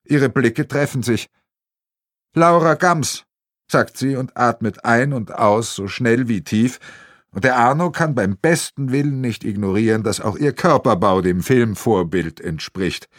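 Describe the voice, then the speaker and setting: A man's voice: mid-range voice, a little slow, no echo. A man narrating a crime novel in a wry storytelling manner on a close mic. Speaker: audiobook narrator.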